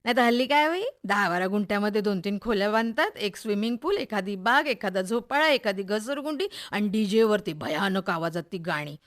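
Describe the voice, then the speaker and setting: A woman's voice: medium pitch, fairly quick, hardly any pauses, close to an everyday voice. A woman playing a chatty, opinionated middle-aged mother in a radio play, confiding and gossipy, with a Maharashtrian accent. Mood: wry complaining. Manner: gossipy, expressive, confiding, rhetorical questions.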